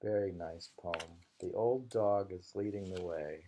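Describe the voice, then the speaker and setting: Against some background noise, a man hosting a poetry reading reads haiku aloud in a low, unhurried voice. He repeats each poem and muses on the lines in casual commentary.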